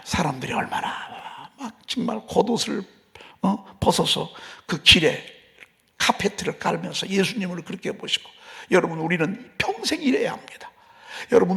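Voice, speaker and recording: A man preaching an early-morning sermon in a church, impassioned, moving between loud cries and hushed whispers. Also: high voice, vocal fry. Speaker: pastor. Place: church sanctuary.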